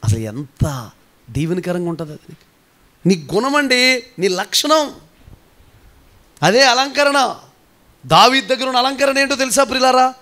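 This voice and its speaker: A man preaching a sermon as pastor, animated and teasing, calling on the congregation to answer back. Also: extremely high pitch, moderate pace, pauses often.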